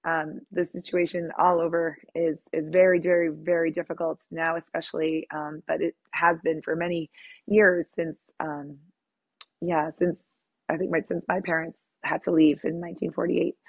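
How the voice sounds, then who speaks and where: A woman's voice: deep voice, flat delivery, moderate pace, vocal fry, slightly rough, dry recording. A middle-aged woman, a yoga teacher, talking as an interview guest, chatty and often laughing with many ums. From born in Lebanon, raised near Boston. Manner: warm, laughing, lots of ums. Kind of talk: casual interview.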